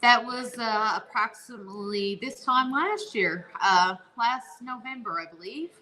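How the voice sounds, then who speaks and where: A woman's voice: on the high side, lively intonation, unhurried, bright, forceful tone, low-quality recording. A woman from Newfoundland with a Newfoundland accent, chatting casually and enthusiastically as a guest co-host. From Newfoundland, Canada. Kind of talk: casual chat.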